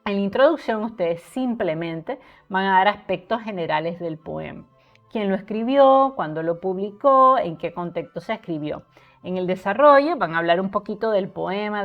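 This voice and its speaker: A woman's voice: medium pitch, lo-fi sound. Woman tutor explaining a poem. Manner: explanatory, addresses students directly, counts syllables aloud. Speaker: literature tutor. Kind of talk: online poetry lesson.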